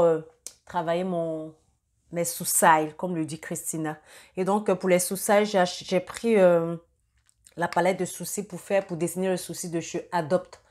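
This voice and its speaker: A young woman talking through a makeup tutorial in a casual, halting way, with many fillers and restarts. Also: fairly low pitch, darkish tone. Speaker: beauty vlogger.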